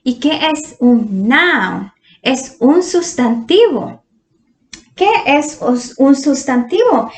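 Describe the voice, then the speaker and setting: A woman teaching English grammar to Spanish speakers, patient and drawn-out, asking her students quiz questions. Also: sits high. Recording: echoey room.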